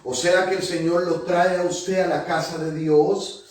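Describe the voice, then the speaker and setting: A male pastor with a high, slightly mellow voice preaches to his congregation in a flat, somewhat slow delivery, emphatically repeating phrases for effect. The mic sits at a distance in a very echoey church hall.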